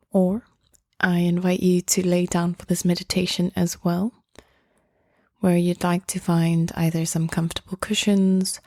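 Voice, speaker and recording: A woman speaks softly and very slowly through a soothing guided meditation, leaving long gaps between her phrases. Her voice is mellow, soft-edged and extremely steady in pitch, captured in a close, dry recording.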